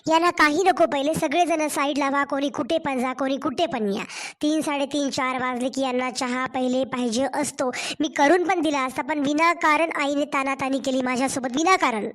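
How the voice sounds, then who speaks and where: A woman voicing an aggrieved young wife and mother in a cartoon story, hoarse from a cold and complaining in a Marathwada Marathi accent. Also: high voice, steady tone, normal speed, a bit bright. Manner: complaining, pleading.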